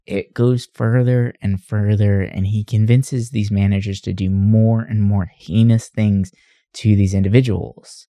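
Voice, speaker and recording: A man co-hosting a podcast in casual chat, an animated storyteller who tells his stories with energy. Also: fairly low pitch, dry recording, clean studio sound. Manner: animated storyteller, puts on voices in retellings. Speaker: podcast co-host.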